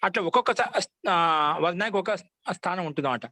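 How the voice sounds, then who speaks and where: A man's voice: sits high, fairly quick, sharp tone, no echo. A man teaching a Sanskrit grammar class, patiently repeating each example and checking that students follow. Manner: asks students for confirmation often. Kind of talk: online class lecture.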